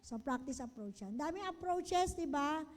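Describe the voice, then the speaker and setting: A woman with a Filipino accent, lecturing a seminar on business approaches, lively and always checking in with the audience. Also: high-pitched, normal speed. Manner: lively, keeps asking the audience "di ba?" and "okay?". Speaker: business trainer. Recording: long hall reverb.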